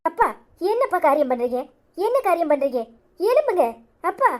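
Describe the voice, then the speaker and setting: A woman's voice: high voice, expressive. A woman voicing a bitter, stubborn young married daughter in a cartoon serial, speaking with a Tirunelveli Tamil accent and firing accusing questions. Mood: pleading. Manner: accusing, insistent, rapid-fire questions.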